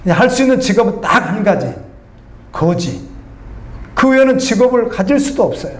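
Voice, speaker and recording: A man's voice: high-pitched, sing-song, brisk, reverberant. A middle-aged man preaching a sermon as a pastor, talking conversationally and putting questions to the congregation. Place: church.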